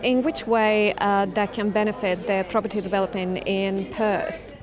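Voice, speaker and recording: Lady reporter asking questions, kinda halting, lots of ums. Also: mid-range voice, steady tone, crowd noise. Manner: halting, with fillers. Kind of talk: interview questions.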